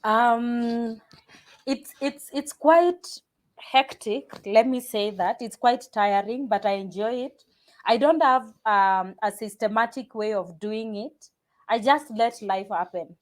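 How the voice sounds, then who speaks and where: In a relaxed interview, a female Kenyan pastor appearing as a guest speaks slowly in a higher-than-average voice, often circling back to restart her sentences and repeating words along the way.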